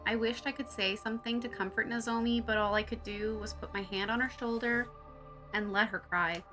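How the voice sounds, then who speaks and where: A woman's voice: a little high, fairly even intonation, brisk, fairly bright tone, soft background music. A woman reading a visual novel aloud, narrating the story and acting out its characters.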